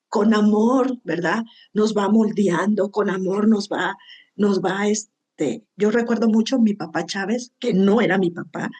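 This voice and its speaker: A woman's voice: mid-range voice, a little mellow. A woman giving heartfelt Bible teaching to a women's group, often asking "¿verdad?". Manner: heartfelt, tags lines with "¿verdad?".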